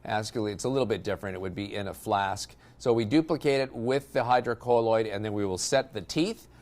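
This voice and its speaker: Middle-aged male dentist-presenter, low-ish voice, casual instructional delivery. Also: brisk. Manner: relaxed explanatory, with fillers. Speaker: dentist and dental lab presenter. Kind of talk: instructional demo talk.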